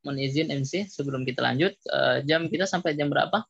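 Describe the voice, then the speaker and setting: A man, a religious teacher in a webinar, talking relaxed and easygoing while his audio keeps breaking up over a choppy connection. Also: fairly high pitch, quick pace, gravelly, husky. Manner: relaxed, repeats permissive phrases. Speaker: ustadz answering questions. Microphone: video call. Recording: muffled lo-fi online call audio.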